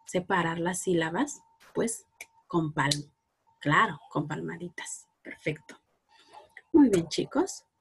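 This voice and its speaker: A woman's voice: lowish voice, slightly rough. A woman with a Peruvian Spanish accent teaching a lesson to young schoolchildren, patiently asking questions and praising answers. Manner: slow, patient, coaxing, asks questions and praises. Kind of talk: recorded class lesson for children.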